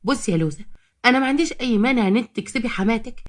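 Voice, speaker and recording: A woman's voice: on the high side, lively intonation, rapid-fire, lightly acted. Woman voicing a scheming Egyptian young wife. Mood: threatening. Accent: Egyptian Arabic. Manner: defiant, sarcastic.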